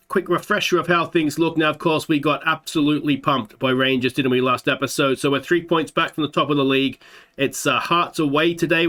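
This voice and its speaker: This is let's play commentary from an Australian gaming YouTuber in his thirties, whose fairly high, slightly bright voice carries a mild sore throat. Talking into his desk mic, he works through a football management game, thinking aloud with fillers.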